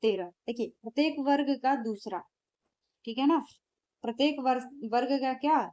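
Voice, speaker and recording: Woman teacher, fairly high voice, exam-prep lesson, asks and answers herself. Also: moderate pace, dark tone. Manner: repetitive, asks and answers own questions.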